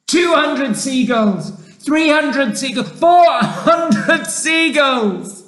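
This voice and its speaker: A man's voice: high voice, unhurried, voice pushed up. A man voicing an urgent, commanding boy in a storybook. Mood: excited shouting. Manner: urgent, breathy whispers and excited shouts. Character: young boy James, urgent, commanding leader.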